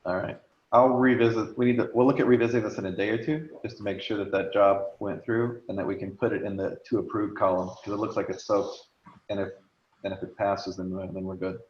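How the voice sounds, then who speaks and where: A man hosting an online meeting shares his screen and talks casually with heaps of fillers, his voice going and his throat needing clearing. His fairly low, slightly mellow voice stays level and moves fairly quickly. The video-call recording is echoey and lo-fi.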